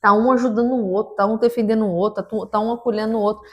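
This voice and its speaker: Woman co-host on a church podcast, kinda high voice, earnest and preachy, lots of restarts. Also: fairly even intonation, very fast.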